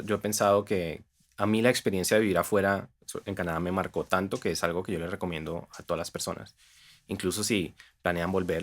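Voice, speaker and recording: Un hombre colombiano que conduce una entrevista en tono casual, hace preguntas abiertas y asiente con frecuencia. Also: male voice, deep voice. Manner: affirming listener, short backchannels and open questions. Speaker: podcast host. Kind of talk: casual interview.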